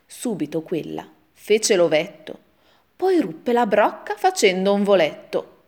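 A woman reading a rhyming children's story aloud with a lively sing-song rhythm. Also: mid-range voice, measured pace.

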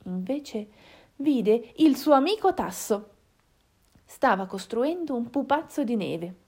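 A woman narrating a children's storybook in a slow, expressive reading. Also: on the high side.

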